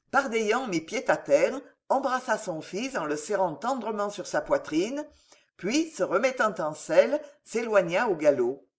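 Expressive audiobook narrator. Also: mid-range voice.

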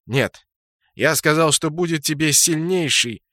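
Man playing a brash shouting clan leader. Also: a little high, unhurried, no room sound, studio quality, voice pushed up. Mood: loud, pushy. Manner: loud, pushy and excitable. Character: brash loud male clan leader warrior.

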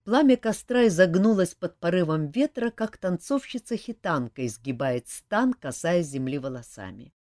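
Woman, audiobook reader, expressive, lowish voice, dry close recording. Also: moderate pace, hardly any pauses, no echo. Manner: expressive, animated reading. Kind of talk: reading a fantasy novel aloud.

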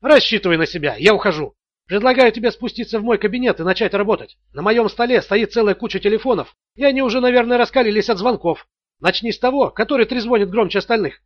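Guy doing a screechy freaked-out finance boss, yelling and sneering, high pitched, dull dry audio. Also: fast, no echo. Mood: agitated. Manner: yelling, abusive, sarcastic. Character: shrieking panicky male finance director.

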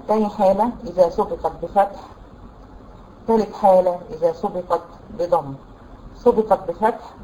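A woman's voice: mid-range voice, warm tone, slight background noise, rough recording. Egyptian woman teaching Quran recitation. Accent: Egyptian Arabic. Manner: explains patiently, recites examples slowly and drawn out; quizzes students with rhetorical questions. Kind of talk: tajweed lesson.

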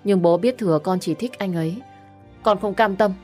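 A woman's voice: mid-range voice, normal speed, a little mellow, soft background music, natural voice. A woman voicing a spoiled, jealous young woman desperate to marry. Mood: whiny. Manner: whiny, desperate.

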